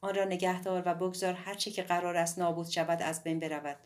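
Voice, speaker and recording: A quiet, sincere young man speaks softly in an audiobook, voiced by a woman reader. His delivery is subdued and sits low. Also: level tone, close to an everyday voice. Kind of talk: audiobook dialogue.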